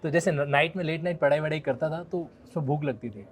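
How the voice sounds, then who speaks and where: A man's voice: fairly high pitch, quick pace. A man in his thirties from Rajasthan, telling the story of his struggles in a casual, respectful conversation. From Rajasthan, India. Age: 30s. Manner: respectful, frequently addresses the other as sir. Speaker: law educator.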